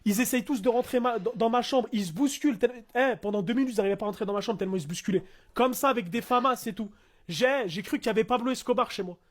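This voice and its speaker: A man's voice: extremely high pitch, fast. A man telling a comic anecdote in casual slangy speech, animatedly acting out the people in it. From France. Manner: animated, acts out shouting cops and slangy street French. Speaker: storyteller.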